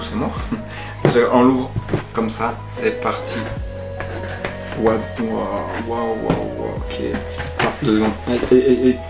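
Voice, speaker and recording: A man vlogging as he unboxes a parcel, excitable and rambling, with plenty of fillers and quick laughs. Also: mid-range voice. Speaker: YouTuber. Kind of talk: casual unboxing vlog. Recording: echoey room with music playing.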